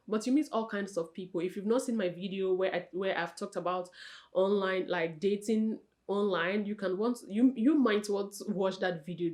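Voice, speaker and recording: A young woman vlogger giving casual, chatty advice straight to her viewers, expressive and correcting herself often. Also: medium pitch. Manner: chatty, talks straight to viewers as "you guys" and "sis"; expressive, with frequent self-corrections.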